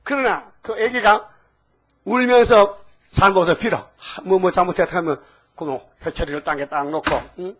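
This pastor, an older man, delivers his sermon in a high-sitting, fairly bright voice at a moderate pace, with slight background noise. His manner is folksy and teasing, and he keeps asking the congregation "응?" as he goes.

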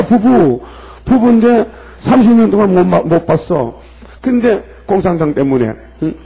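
A man's voice: a little high, dark tone, slightly rough. A man preaching a sermon in an emphatic way, firing pointed questions at his listeners. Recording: dull lo-fi recording.

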